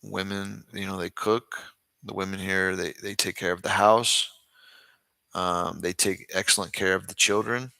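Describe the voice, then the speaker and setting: Low, gravelly American man chatting casually. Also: steady tone, measured pace, bright, forceful tone, no room sound. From United States. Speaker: host, boxing club trainer. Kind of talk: casual livestream chat.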